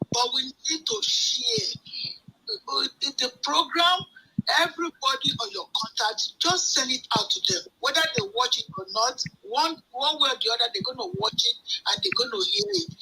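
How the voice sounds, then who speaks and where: A woman calling in, heard through a phone held on speakerphone, giving an earnest, halting comment and repeating words as she goes. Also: high-pitched, bright, forceful tone, a little hiss or hum, poor audio. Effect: heard over a phone on speakerphone. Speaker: caller. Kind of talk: call-in comment on a live stream.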